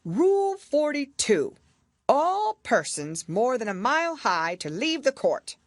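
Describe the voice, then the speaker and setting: A woman's voice: high voice, very animated, takes it slowly, dry recording, studio quality, voice pushed up, heavily acted. A woman voicing a pompous, easily flustered king in a storybook reading, grave and emphatic. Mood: imperious. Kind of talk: audiobook character voice.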